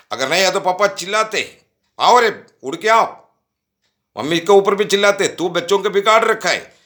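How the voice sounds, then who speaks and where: Lively, bright-voiced man telling a story. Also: mid-range voice. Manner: animated, acts out quoted dialogue; addresses young listeners directly. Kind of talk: storytelling devotional talk.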